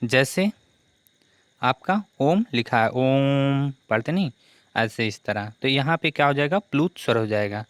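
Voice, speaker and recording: A man's voice: medium pitch, expressive, normal speed, fairly bright tone, no room sound. A man teaching a grammar lesson for exam preparation who keeps asking questions and answering them himself.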